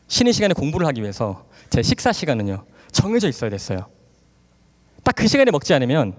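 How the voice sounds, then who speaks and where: A fairly high-voiced man in his thirties tells his story from the pulpit, swinging his pitch widely as he acts out both sides of a conversation. He laughs often between lines. His voice rings out with a long reverb, the sound of a large hall. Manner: animated storytelling, acting out dialogues with laughter. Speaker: guest speaker at a church camp. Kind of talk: testimony sermon.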